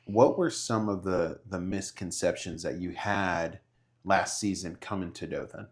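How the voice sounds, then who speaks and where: Chatty low-voiced male podcast host. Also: measured pace. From Southern California. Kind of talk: casual interview chat.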